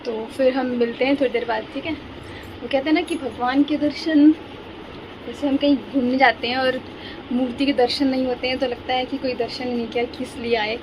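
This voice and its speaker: A woman's voice: high voice, steady tone, a little fast, noisy background. A young woman chatting casually to her viewers in a vlog, confiding and talkative. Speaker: vlogger and home tuition teacher.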